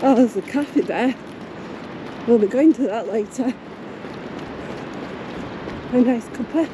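A woman's voice: a little high, takes it slowly, noisy background. A woman, chatting casually to camera as a vanlife vlogger, talking to her dogs and viewers. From England. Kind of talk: casual vlog chat. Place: inside a motorhome, then outdoors on a seafront promenade.

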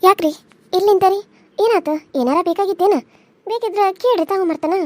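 Woman voicing a timid high-pitched young village wife. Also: fairly quick, warm tone, no echo. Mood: pleading. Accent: North Karnataka Kannada. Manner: pleading, whiny. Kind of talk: cartoon serial voice acting.

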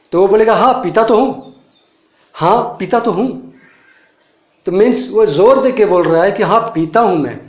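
Indian guy teaching english, slow careful examples, lots of questions to the class, kinda high voice, echoey room. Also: a little mellow. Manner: explains step by step with many rhetorical questions. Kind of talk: spoken English lesson.

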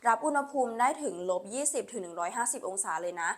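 Woman live seller pitching nonstop. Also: animated, fast. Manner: repetitive, urging hard sell with frequent polite particles. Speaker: live-stream online seller.

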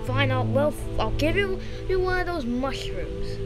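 Woman putting on a scratchy gruff turtle king. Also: big pitch swings, unhurried. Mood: fed-up. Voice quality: scratchy, put-on low voice. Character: gruff middle-aged male turtle king, a fed-up father. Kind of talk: fan-made toy comedy skit. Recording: music playing behind.

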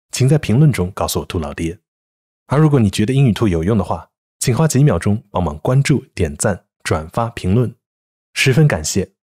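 Male language teacher, lively intonation, measured scripted lesson delivery. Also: fairly low pitch. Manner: clear, measured explanation with slow example words. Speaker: English pronunciation teacher.

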